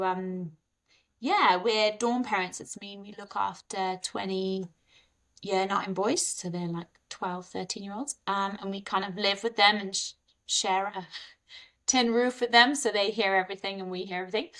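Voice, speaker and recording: A woman in her thirties, a guest talking frankly and loosely about her life. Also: mid-range voice. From Wales. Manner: frank, relaxed, rambling with fillers. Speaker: podcast guest, dorm parent and teacher. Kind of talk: casual interview chat.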